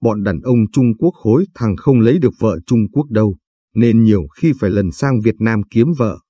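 An urgent, emotional landlady searching for her lost sister, voiced by a male reader. The voice is low, dark and husky. The recording is dry and close. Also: moderate pace, no echo. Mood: anxious. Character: anxious grieving younger sister, a landlady.

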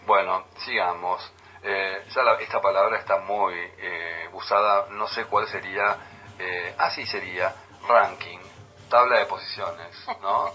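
A man with an Argentine accent co-hosting a casual radio chat, musing aloud with frequent pauses. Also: low-pitched, steady tone, pushed and bright, low-quality recording. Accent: Argentine Spanish. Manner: chatty, muses aloud with many pauses. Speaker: radio co-host. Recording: radio broadcast.

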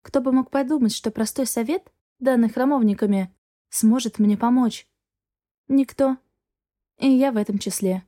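Woman reading a fantasy novel aloud, higher voice, expressive. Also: moderate pace, pauses often. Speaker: audiobook narrator. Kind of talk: first-person audiobook narration.

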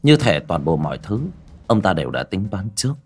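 Guy reading an audiobook, low voice, lots of pitch movement, chatty with listeners. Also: big pitch swings, brisk, slightly rough, soft background music. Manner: conversational, addressing listeners directly. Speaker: audiobook narrator. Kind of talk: scripted audiobook narration.

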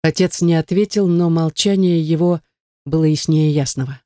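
A male audiobook narrator reading a first-person story in a measured, even way. His voice sits a little high and sounds warm and mellow. The recording is dry and close, with no room echo.

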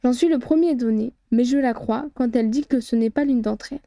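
A woman's voice: on the high side, brisk, warm tone, no echo, studio quality, lightly acted. A woman voicing a wry, teasing male wizard partner in a storybook reading, speaking dryly.

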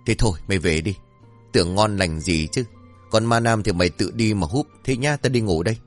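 A man voicing a greedy, lazy old village exorcist who scolds gruffly. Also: fairly low pitch, fairly quick, soft background music, lightly acted.

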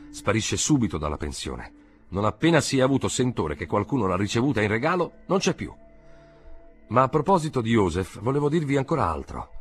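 A man's voice: on the low side, pitched above the performer's own voice. A man reading an audiobook, voicing a young woman's chatty, earnest letter.

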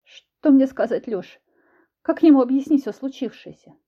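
A woman's voice: high voice, expressive, moderate pace, highs cut off, voice pushed up. A woman voicing an overwhelmed, tearful young witch who pleads and protests. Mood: bewildered. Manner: pleading, breathless.

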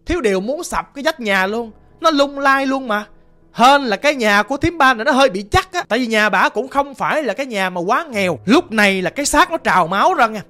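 A woman tells a ghost story in a chatty, conversational voice. Her pitch swings widely from line to line, and faint music plays underneath. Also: animated, a little fast, a bit bright. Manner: chatty, vivid, conversational, explains as she goes. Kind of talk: casual spoken storytelling.

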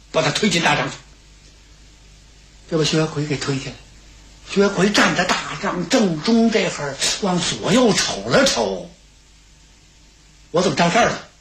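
A man narrating a traditional tale on radio in a brisk, animated way. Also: high voice, reverberant, slight background noise. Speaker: storyteller.

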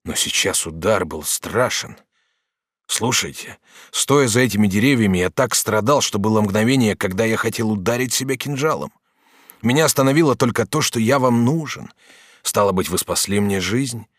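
A man reading an audiobook, voicing a noble, grieving older master artist who speaks in halting, broken phrases. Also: on the low side, expressive, dry recording, clean studio sound. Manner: halting, broken, restrained sorrow.

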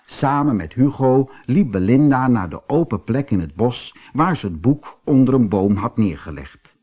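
A man reading a fairy tale aloud as a storyteller, slow and very expressive. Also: medium pitch, breathy edge.

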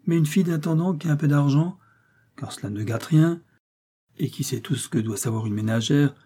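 A sly old steward, as a man reads him in an audiobook, wheedling and plaintive, with a mellow, husky voice pitched a little above the reader's own. He talks humbly, as if always asking a favor. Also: lively intonation, a little fast. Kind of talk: audiobook reading.

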